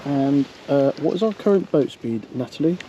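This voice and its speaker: A man vlogging from a sailing boat at sea, chatty and relaxed, with plenty of ums. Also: mid-range voice, normal speed, dull audio. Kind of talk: casual on-board narration. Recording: wind and water noise on a boat.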